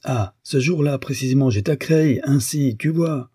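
A man's voice: medium pitch, moderate pace, warm tone, husky, no room sound, studio quality, voice pushed up, close to an everyday voice. Man doing a blustering, evasive husband. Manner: evasive, flustered protests.

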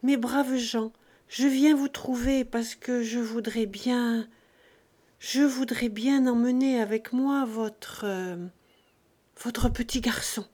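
A woman's voice: fairly high pitch, steady tone, slow pace, mellow. A woman voicing a spoiled, tearful young rich lady who speaks in a trembling, broken voice. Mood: pleading.

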